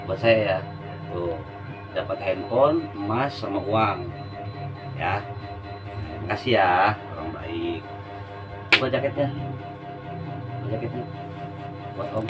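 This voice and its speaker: A man's voice: on the low side, animated, slow pace, pauses often. Man giving short repeated commands. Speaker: spiritual practitioner demonstrating gendam. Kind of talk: live demonstration with spoken commands. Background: background music.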